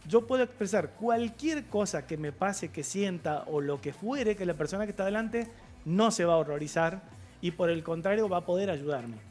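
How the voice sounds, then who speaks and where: A man, a guest sexologist on a TV talk show, explaining things in a measured way with filler pauses. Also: high voice, a little mellow, faint music behind. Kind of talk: TV studio interview. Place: TV studio.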